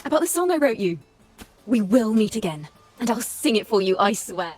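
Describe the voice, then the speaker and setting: An actress playing an earnest, gentle young poet-singer in a fantasy video game, speaking softly and sincerely. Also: female voice, medium pitch, big pitch swings, normal speed, lightly acted. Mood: tender, reassuring. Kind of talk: scripted video game dialogue.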